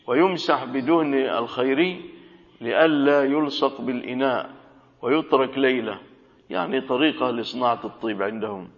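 A man teaching a religious lesson, reading a classical text aloud and explaining it in colloquial asides. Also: mid-range voice. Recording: dull lo-fi audio with long hall reverb.

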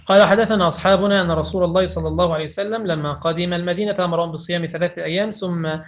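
A man reading hadith texts aloud, reciting chains of narrators quickly with small slips and restarts. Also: sits high, fairly even intonation. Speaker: hadith reader. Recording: tinny phone-like sound.

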